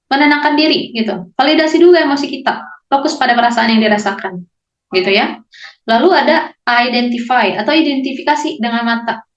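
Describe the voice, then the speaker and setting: A young woman from Indonesia with a high-pitched voice speaks in a soft, instructive way, repeating herself and leaning on casual fillers. The recording is a bit dull and rings with room echo. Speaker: parenting speaker. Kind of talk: casual talk on managing emotions. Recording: echoey room, slightly dull sound.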